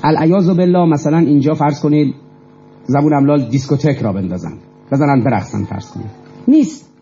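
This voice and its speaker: A man's voice: fairly high pitch, creaky, warm tone, muffled recording, slight background noise. A man giving an impassioned speech to an audience, emphatic, asking rhetorical questions and repeating phrases for force. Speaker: lecturer.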